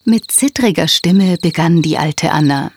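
A woman narrating a children's story in a gentle, expressive way. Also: sits low, a little slow, a little hiss or hum.

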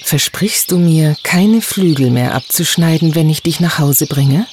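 A man's voice: fairly high pitch, a little slow, a little mellow, slight background noise, lightly acted. A man voicing a curious, kind young girl who asks eager questions.

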